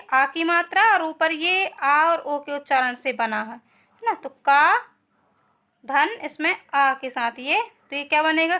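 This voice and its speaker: A woman's voice: high voice, pushed and bright. A young woman teaching a grammar lesson, explaining step by step and often checking with her students.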